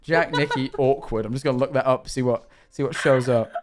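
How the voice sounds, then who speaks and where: A man's voice: medium pitch, fairly quick, over music. A young British man with a mid-range voice talks loosely and jokingly on a livestream. He rambles and restarts his sentences. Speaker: streamer. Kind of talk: casual livestream chat.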